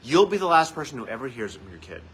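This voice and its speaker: Male therapist host, bright and forward tone, casual earnest advice delivery, mid-range pitch. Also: sing-song, very fast, slight background noise, rough recording. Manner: earnest and conversational, with frequent "so" and "you guys". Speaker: licensed marriage and family therapist; host of a weekly parenting tips segment. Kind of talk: casual spoken advice to parents.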